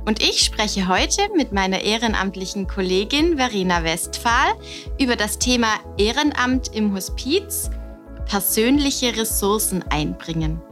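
A woman hosting a podcast interview, asking questions in a calm, measured way. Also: mid-range voice, faint music behind. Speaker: podcast host and education officer at a hospice academy.

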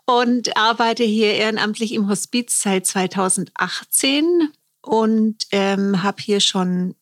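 A middle-aged woman from Germany, a music therapist and hospice volunteer, speaking as a guest in a thoughtful, warm way with frequent hesitations. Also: mid-range voice, slow pace. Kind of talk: interview guest, conversational.

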